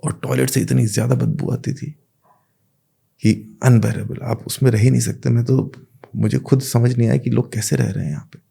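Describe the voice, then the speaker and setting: A man's voice: medium pitch, creaky, mellow, slightly rough. A man, a podcast guest, casually telling a personal anecdote and acting out the back-and-forth of what people said. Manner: retells events with many quoted exchanges.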